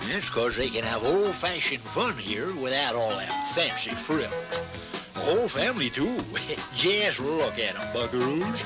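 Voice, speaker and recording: An actor playing a folksy old-time cowboy prospector spinning tall tales in an American Western drawl full of cowboy slang. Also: male voice, medium pitch, very animated, a little slow. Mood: folksy, proud. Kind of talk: folksy tall-tale promotional film narration. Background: music.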